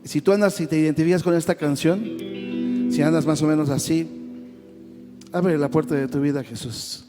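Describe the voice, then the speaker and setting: Over loud music, a man with a fairly high voice testifies in church about his conversion, keeping a steady tone at normal speed. He speaks emotionally, stumbling through repeated words and calling listeners brother, as long reverb echoes each phrase like in a big hall.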